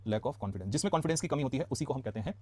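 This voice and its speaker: An Indian man rattles through vocabulary words at a very fast pace, explaining each in a chatty classroom way. He keeps asking quick questions and answering them himself. His mid-pitched voice sounds close and dry, with no room sound. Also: expressive, darkish tone, breathy edge, dry recording. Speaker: English vocabulary teacher.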